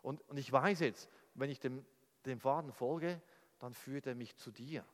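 A man's voice: medium pitch, a little slow, natural voice. A man quoting an earnest little girl in a church hall. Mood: hopeful. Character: eager, trusting eight-year-old girl. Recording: long hall reverb.

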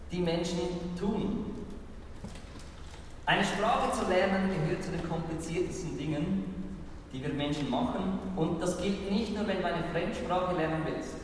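In this explanatory video, a man with a high-sitting voice speaks a little slowly about language and communication, chatting directly with the viewer and asking questions. There's a big-room sound and a slight hiss or hum.

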